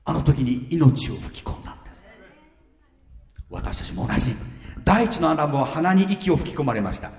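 A male pastor preaching a sermon, animated and firing rhetorical questions at his congregation. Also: on the high side, normal speed, long pauses. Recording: echoey hall reverb.

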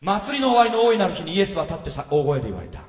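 A man preaching a sermon as pastor, animated and often asking the congregation questions. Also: high voice, rapid-fire. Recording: roomy hall reverb, from a distance.

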